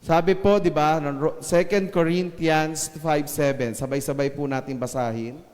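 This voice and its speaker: A man's voice: a little high, steady tone, darkish tone, big-room sound. Man preaching a joking Taglish sermon. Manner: joking asides with laughs, then slow emphatic scripture lines.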